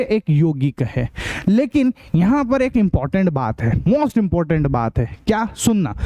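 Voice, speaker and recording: Male science tutor, high and soft in tone, repetitive, asks and answers his own questions. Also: no echo. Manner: explains by repeating and asking himself questions; calls the listeners children, keeps checking with "ठीक है". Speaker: science teacher. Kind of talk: classroom lecture to students.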